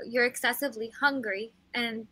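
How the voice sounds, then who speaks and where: A woman's voice: fairly high pitch, steady tone, normal speed, sharp tone, no room sound, poor audio. A young woman from Kuwait talking openly and earnestly in a casual podcast chat. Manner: open, earnest, filler-laden. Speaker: podcast guest.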